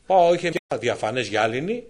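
A middle-aged man preaching his personal testimony, moving from soft asides to loud, excited exclamations. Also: medium pitch. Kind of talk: sermon testimony storytelling.

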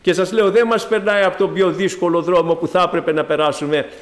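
Emphatic high-voiced preacher. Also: male voice, steady tone. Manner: emphatic, rising to exclaim then dropping low on address to listeners; ironic, mocking asides. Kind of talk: sermon.

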